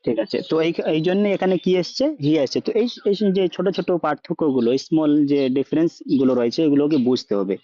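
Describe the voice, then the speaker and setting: A man with a fairly high but mellow voice teaches a class, firing questions at his students and checking they follow. The sound is dry and dull, like a low-fi recording. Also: quick pace, few pauses, no echo. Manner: questioning, checks understanding often; mixes in English words. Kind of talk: online language class.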